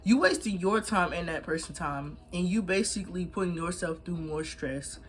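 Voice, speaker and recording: This young woman is a mukbang vlogger giving emphatic, blunt advice in slangy, casual conversation between bites. Her voice is on the low side, with lively intonation at normal speed.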